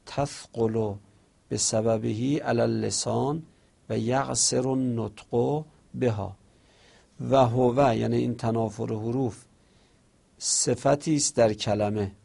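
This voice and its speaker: A male seminary teacher with a gravelly, rough-edged voice at a middling pitch. He reads each line of an Arabic text slowly, then explains it in relaxed conversational speech. Now and then he asks and answers the book's questions in a livelier tone. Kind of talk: classroom lecture reading and explaining an Arabic text.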